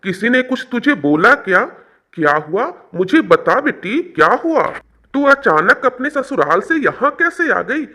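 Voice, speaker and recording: Man doing a fretful middle-aged dad, bright voice with a lively swing. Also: extremely high pitch, measured pace, exaggerated voice. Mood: worried. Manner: coaxing, anxious questioning. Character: worried, gentle middle-aged father.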